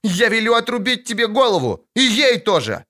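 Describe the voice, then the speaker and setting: A man doing a shrill haughty little princess. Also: very animated, moderate pace, bright, forceful tone, heavily acted. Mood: shrill defiant. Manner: shrill, sniffling, imperious.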